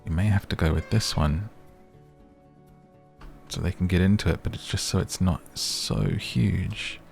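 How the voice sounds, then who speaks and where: A man with a hoarse, raspy, strained voice, giving relaxed, rambling game commentary meant for sleep and muttering to himself as he plays. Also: deep voice, unhurried, faint music behind. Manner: chatty, muttering to himself while playing. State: voice going hoarse. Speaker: gaming video creator and podcaster.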